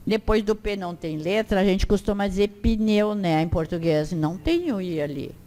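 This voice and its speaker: A woman teaching an Esperanto class, slowly drilling pronunciation for her students to repeat in a classroom. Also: on the low side, lively intonation, mellow. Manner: slow, drawn-out drilling of words for learners to repeat. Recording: long hall reverb.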